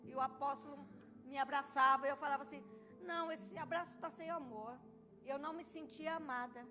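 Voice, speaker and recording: A middle-aged woman pastor, giving an emotional sermon testimony that swells into loud, emphatic peaks. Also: high voice, fast talker. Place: church service. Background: music.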